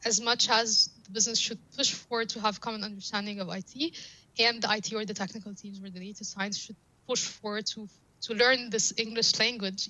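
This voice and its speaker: In a podcast interview, the guest, a data scientist and native Arabic speaker, lays out her ideas with examples and repeated phrases. Her mid-range voice sounds pushed and bright, and the audio is poor, though there's no echo.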